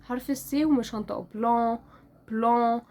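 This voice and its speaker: A woman with an Egyptian Arabic accent teaching French pronunciation in a casual lesson, spelling out letters and repeating each word slowly. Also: fairly high pitch, fairly even intonation, warm tone. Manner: drills words slowly, repeating each one.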